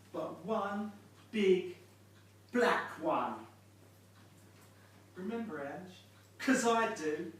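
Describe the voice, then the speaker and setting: Woman playing a scornful pub landlord, slow. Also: sits high, exaggerated voice. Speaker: audience volunteer. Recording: echoey room with faint noise, mic far off.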